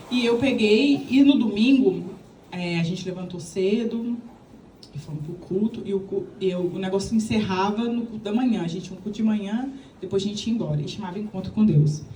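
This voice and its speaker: A woman from Minas Gerais, Brazil, with a Minas Gerais accent, telling her personal testimony to a live audience in an animated, chatty way and acting out the dialogue. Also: mid-range voice, moderate pace, roomy sound, distant mic, slight background noise, poor audio. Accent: Minas Gerais Brazilian Portuguese. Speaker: speaker giving a church testimony.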